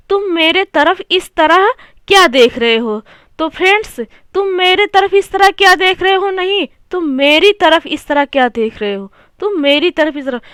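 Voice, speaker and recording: High-voiced woman teaching grammar. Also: a bit bright, no echo, clean studio sound. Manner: repeats phrases, asks rhetorical questions, addresses viewers as friends. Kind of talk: exam-prep grammar lesson.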